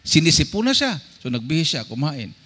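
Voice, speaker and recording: A man preaching at a church service, his voice a little high and sharp-edged. He tells a story and plays out the dialogue, dropping in English phrases. A long reverb from the church hall trails behind him. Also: sing-song, fairly quick, slightly rough. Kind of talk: Tagalog sermon with testimony.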